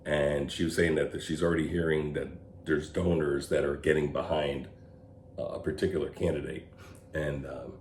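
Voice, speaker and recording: A man's voice: rumbling low, flat delivery, moderate pace, a little mellow. A man co-hosting a podcast in casual political chat, blunt and opinionated, chuckling often. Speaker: podcast co-host. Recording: roomy echo, faint background hum.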